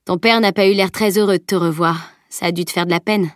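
A woman's voice: on the low side, steady tone, fairly quick, dry recording, studio quality, lightly acted. A woman voicing an awkward police inspector. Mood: probing. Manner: falsely friendly, slightly uneasy. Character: middle-aged male police inspector, awkward.

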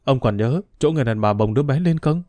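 A young father on the hunt for his stolen child , as a male storyteller voices him, earnest and held in check as he presses for answers. His tone is warm and mellow, recorded dry and close. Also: mid-range voice, lively intonation, fast talker, dry recording, natural voice. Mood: pressing. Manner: earnest, restrained, pressing questions.

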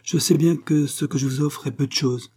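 A man reading a novel aloud and voicing a poor, gentle young clerk who speaks earnestly and tenderly. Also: a little high, fairly even intonation, moderate pace, slightly rough, pitched above the performer's own voice. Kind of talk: audiobook reading.

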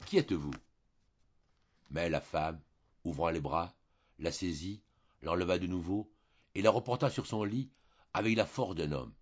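A man narrating a classic novel as an audiobook reader, with a measured storytelling delivery. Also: deep voice, dull audio.

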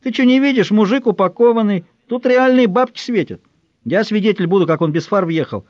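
A man's voice: high-pitched, lively intonation, fairly quick, darkish tone, no echo, highs cut off, voice pushed up. A man voicing a pushy, greedy bystander with a cracked tenor and streetwise manner in an audiobook. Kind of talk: audiobook character voice.

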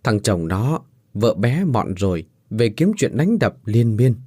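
A man's voice: on the low side, very animated, measured pace, warm tone, no echo, clean studio sound. A man voicing a sympathetic middle-aged landlady recounting sad news in a sighing, matter-of-fact way.

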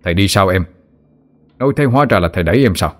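A man doing a soft calm village teacher. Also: low voice, fast, faint music behind.

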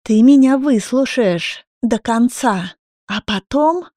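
A woman's voice: lively intonation, slow pace, warm tone, dry recording, clean studio sound. A woman voicing an unhinged, furious pregnant young woman who screams and mocks in an audiobook. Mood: menacing. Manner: shrill, screaming, mocking.

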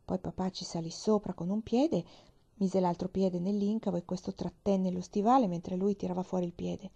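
A woman narrating a children's novel aloud, expressive and sometimes dropping to a whisper. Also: lowish voice, moderate pace, creaky, breathy edge, dull audio. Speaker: reader. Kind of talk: audiobook narration.

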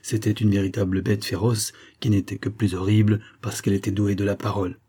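A man narrating a novel as an audiobook with a steady, dramatic reading. His voice sits low and dark, with a slightly husky grain. The delivery is measured and even. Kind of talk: scripted narration.

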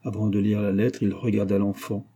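A man reading a classic novel aloud as an audiobook, in a measured, steady literary narration. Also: on the low side, lo-fi sound. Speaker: audiobook reader.

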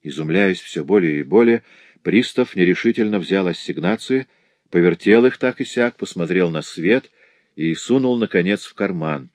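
A man reading a novel aloud as scripted narration, with an even, measured delivery. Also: deep voice, no echo. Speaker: audiobook reader.

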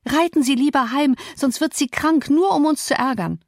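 A woman's voice: high-pitched, normal speed, no echo, studio quality, voice pushed up. A woman reading an audiobook, voicing an indignant servant woman who speaks sharply and reproachfully.

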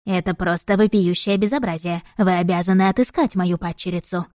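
A woman reading an audiobook and voicing a shrill, sarcastic noblewoman who is a scheming stepmother. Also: brisk, darkish tone, no echo, studio quality, natural voice. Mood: outraged.

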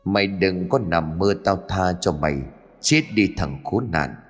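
A man's voice: sits low, expressive, measured pace, long reverb tail, faint music behind. A man voicing a cold vengeful ghost girl. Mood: menacing. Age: 20s. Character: vengeful ghost of a young woman.

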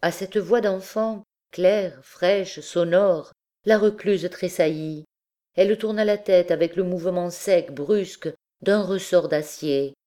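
A woman reading a classic novel aloud as an audiobook narrator, calm and measured. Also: on the low side. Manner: slow, calm literary reading. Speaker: audiobook reader. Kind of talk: scripted narration.

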